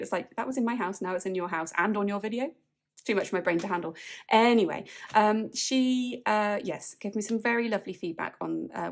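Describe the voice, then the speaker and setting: A woman vlogger from the UK chatting casually while she counts cash aloud and laughs often. She sounds a bit spaced out from medication. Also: medium pitch. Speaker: budgeting vlogger.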